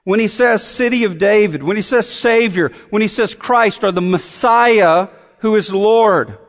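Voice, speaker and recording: Male preacher, high-pitched, emphatic repetition, reverberant hall. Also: a little slow. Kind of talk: sermon.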